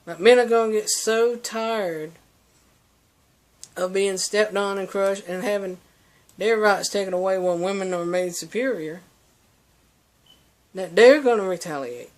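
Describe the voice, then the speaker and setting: A young man with a high voice rants at length in a preachy monologue. He stumbles through restarts and fillers as he lectures his listeners. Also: a little slow, pauses often. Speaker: vlogger. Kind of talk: opinion monologue to camera.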